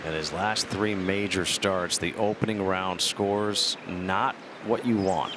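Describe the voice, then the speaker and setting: A man's voice: sits low, steady tone, slow. A man leading live golf commentary, concisely announcing players and scores. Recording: outdoor broadcast with clear background noise.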